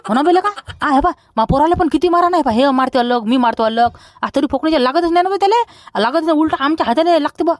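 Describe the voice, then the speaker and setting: A man's voice: very high-pitched, expressive, quick pace, no echo, clean studio sound. A man playing an exasperated village father in a comedy skit, with a Vidarbha Marathi accent.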